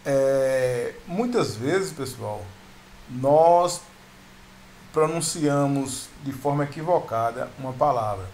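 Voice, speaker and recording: A male teacher gives a grammar video lesson, explaining patiently, restarting words and often calling his viewers "pessoal." He speaks slowly and expressively in a mid-range, slightly mellow voice, with a bit of background noise.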